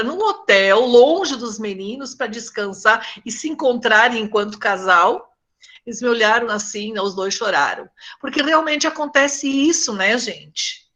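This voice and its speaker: Older northeastern brazilian lady, psychologist chatting to a group, bit high voice, keeps asking the room along. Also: fairly bright tone. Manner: conversational, tells stories, often asks "né?" and addresses the group as "gente". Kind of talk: talk to a support group.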